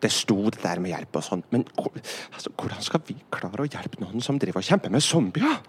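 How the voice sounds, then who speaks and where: Knurre, a man playing a bumbling excitable animal. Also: on the low side, breathy edge, full character voice. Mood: fibbing. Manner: fussy, theatrical, swings to squeals. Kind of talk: children's audio play.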